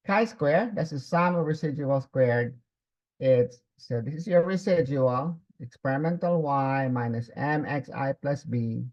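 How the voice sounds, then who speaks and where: A man with a medium-pitched, darkish voice walks learners through a spreadsheet tutorial at a measured pace, dictating formulas bit by bit and checking in with them. It's a screen-recorded lesson at a computer, and the sound is slightly dull and muffled.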